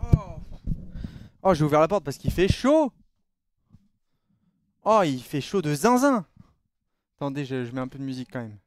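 A man's voice: a little high, sing-song, normal speed, pauses often, dry recording. A man streaming a racing game live, chatting casually and reading viewer messages aloud in loose slang. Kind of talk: casual live-stream chat while gaming.

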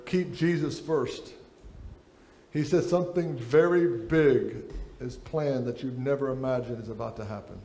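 A man's voice: mid-range voice, measured pace, warm tone. A middle-aged man preaching a sermon on a church stage, reading aloud from a book at a lectern.

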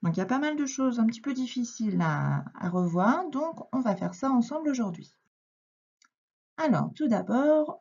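A woman teaching young children to read, speaking slowly and clearly with stretched words, in a French accent. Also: on the high side, a little mellow. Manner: slow, clear, patient explaining with stretched words. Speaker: primary school teacher. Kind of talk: reading lesson for young children. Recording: dull, lo-fi home recording.

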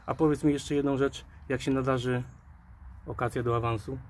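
A man in his forties interviewing a coach outdoors by the pitch, in a chatty, informal way. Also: steady tone, brisk, slight background noise. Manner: chatty, informal, addresses the coach by first name. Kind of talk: casual sports interview. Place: outdoors by a pitch, under a dugout shelter.

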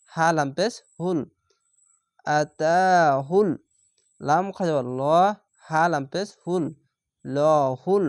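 A man teaching Quran reading, sounding out each letter and syllable slowly and patiently in a step-by-step lesson. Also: on the high side, clean tone, dry recording, clean studio sound. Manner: slow, drawn-out syllable-by-syllable recitation.

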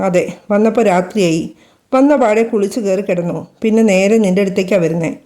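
A woman's voice: medium pitch, fairly quick, dark tone, close to an everyday voice. A woman reading the lines of a devoted young man in an audio storybook, tender and reassuring.

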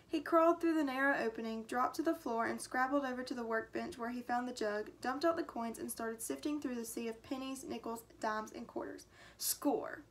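Teacher lady reading a kids' book out loud, high bright voice, lots of expression. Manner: expressive, acts out character lines. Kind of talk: storybook read-aloud. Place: home.

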